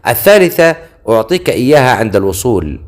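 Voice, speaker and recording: A man voicing a furious, panicking fallen king who shouts in desperate outbursts. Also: mid-range voice, big pitch swings, quick pace, close to an everyday voice. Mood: insistent.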